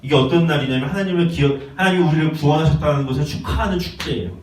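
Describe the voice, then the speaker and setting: A male pastor preaches with fervor, his high voice leaping up into shouts and dropping to hushed appeals. He is picked up from a distance in a reverberant church, with faint noise underneath. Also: racing. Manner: impassioned, swings from shouting to hushed pleading. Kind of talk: sermon. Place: church sanctuary. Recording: echoey church from far off.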